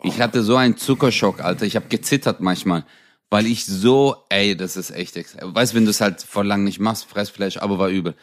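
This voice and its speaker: A man's voice: fairly low pitch, moderate pace. A man co-hosting a casual comedy podcast, telling stories with lots of acted-out voices and laughter. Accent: German. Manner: animated storyteller, acts out voices and laughs a lot. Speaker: podcast co-host.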